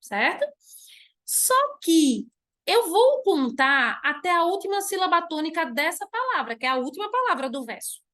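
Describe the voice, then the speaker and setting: A woman's voice: very high-pitched, very animated, fairly bright tone. A Brazilian woman teacher giving an online class, explaining patiently, posing questions and then answering them herself, and drawing out key words. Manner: drawn-out stressed words when demonstrating.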